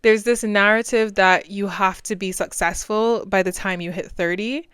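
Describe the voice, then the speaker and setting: A woman's voice: mid-range voice, steady tone, moderate pace, a bit bright, clean tone, no echo, clean studio sound. A woman in her twenties hosting a solo podcast, talking in a chatty, rambling, self-deprecating way. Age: 20s. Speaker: podcast host.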